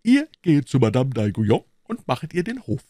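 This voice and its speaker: A man reading aloud and voicing a boastful, self-satisfied male musketeer, loud and smug. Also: medium pitch, wildly swooping pitch, brisk, no echo, voice pushed up. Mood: lecturing.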